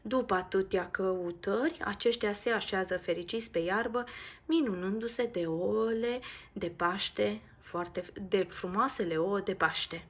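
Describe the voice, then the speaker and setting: Woman, storybook narration, expressive, husky, mid pitch. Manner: lively, expressive reading. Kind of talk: storybook read-aloud narration.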